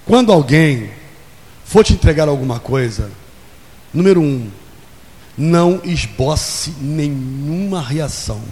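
A man's voice: on the high side, lively intonation, slow pace, long pauses, darkish tone. A man in his forties preaching a sermon in a church, leading call and response and acting out little scenes. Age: 40s. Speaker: pastor. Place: church hall. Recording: long hall reverb.

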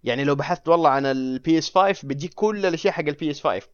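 A man co-hosting a podcast, talking very quickly in a chatty way and often asking if he is understood. His voice sits at a middling pitch. The recording is dry and a little dull and lo-fi. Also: smooth, no room sound. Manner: chatty, keeps checking the listener follows. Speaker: podcast co-host. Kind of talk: casual chat.

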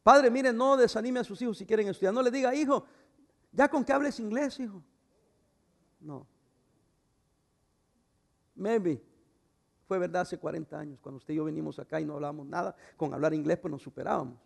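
A middle-aged man pastor preaching a sermon, swinging from loud fervent passages to quiet, intimate asides. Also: high-pitched, a little fast, vocal fry, pauses often.

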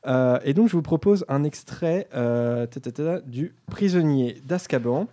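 A man's voice: mid-range voice, expressive, measured pace, dark tone. A man hosting a casual group discussion, talking with frequent hesitations and fillers. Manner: hesitant, many fillers, friendly. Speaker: discussion host.

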